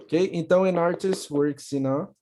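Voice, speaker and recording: A young man with a Brazilian accent teaching English to children in a video call, patiently repeating words slowly. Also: a little high, warm tone. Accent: Brazilian Portuguese. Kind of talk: online class for children.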